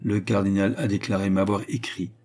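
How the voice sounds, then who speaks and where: A haughty queen, read by a man in a low, dark, husky voice, interrogating with cutting scorn. She sounds commanding and contemptuous in a spoken storybook. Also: level tone, fairly quick. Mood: stern, scornful. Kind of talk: audiobook reading.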